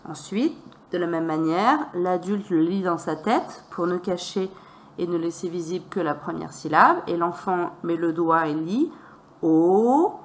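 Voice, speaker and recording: A woman teacher walking parents through a reading method, sounding out letters and syllables slowly and deliberately. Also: fairly low pitch, slight background noise.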